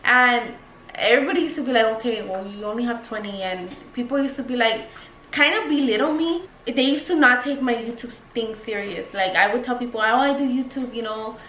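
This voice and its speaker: Her voice is high, a little fast, and sharp as she drifts through a casual Q&A video, tipsy and swearing without a filter. The young vlogger rambles loosely, recorded in an echoey space with faint noise.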